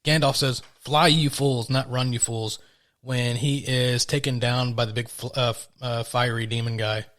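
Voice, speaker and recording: Man, podcast co-host, casual chat, rambling, swears a lot, mid-pitched voice. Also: steady tone, normal speed, fairly bright tone. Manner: loose, rambling, swears freely.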